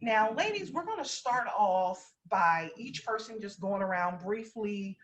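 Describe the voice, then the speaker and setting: A woman's voice: medium pitch, lively intonation, unhurried, fairly bright tone. Woman hosting a discussion panel. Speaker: podcast host.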